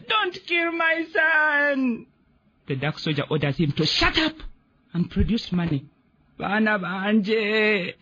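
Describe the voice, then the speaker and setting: A man reading a dramatic story aloud on the radio, acting out the characters with an expressive, husky voice. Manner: expressive, voices the characters with big pitch swings. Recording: muffled radio broadcast.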